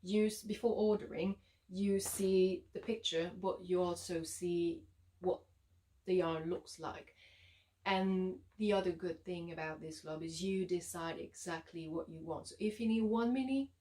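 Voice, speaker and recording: Low-voiced French Canadian woman. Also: a little slow. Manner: relaxed, chatty, with frequent fillers. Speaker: yarn dyer and shop owner. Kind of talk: casual product showcase.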